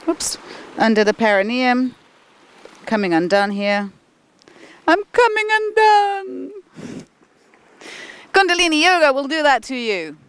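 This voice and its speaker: A woman with a medium-pitched voice guides a kundalini yoga class. She gives step-by-step instruction in an encouraging, informal way. Chatty asides slip in between her directions. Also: a bit bright, clear, resonant tone.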